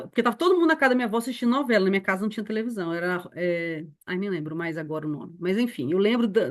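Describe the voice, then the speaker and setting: A woman in her forties, a missionary teacher sharing a personal testimony in an earnest storytelling manner. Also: medium pitch. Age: 40s. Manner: earnest, storytelling, addresses listeners as beloved. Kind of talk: personal testimony in a church lesson.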